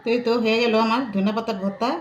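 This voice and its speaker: A woman, narrating a casual home cooking vlog and chatting warmly with her viewers as friends. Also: fairly high pitch, flat delivery, very fast, lo-fi sound. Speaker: cooking vlogger.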